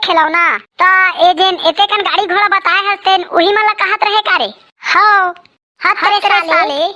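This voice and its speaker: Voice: very high voice, bright, forceful tone, heavily acted. A performer with a Chhattisgarhi accent voicing bickering cartoon census takers and villagers, in squabbling, slangy comic dialogue.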